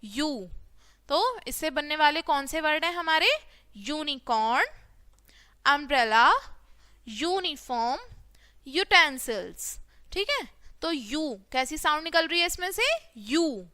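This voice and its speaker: A high, bright woman's voice teaching phonics to children at an unhurried pace. She asks a question, then answers it herself, and draws out each letter sound. The recording is close and dry. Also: animated, no echo.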